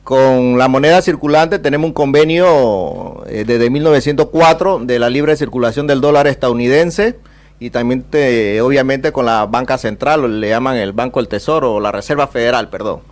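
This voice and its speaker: At a public talk followed by questions and answers, an ambassador with a Panamanian Caribbean Spanish accent holds forth in a mid-range voice at a moderate pace. His manner wanders rhetorically and leans on emphatic repetition.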